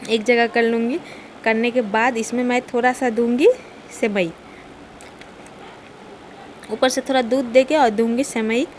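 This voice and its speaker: A woman's voice: fairly high pitch, steady tone, a little slow, pauses often, darkish tone, slight background noise. A young woman, talking through her day and cooking in a casual home vlog, chatty and often laughing. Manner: chatty, laughs while telling. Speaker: vlogger. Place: home kitchen.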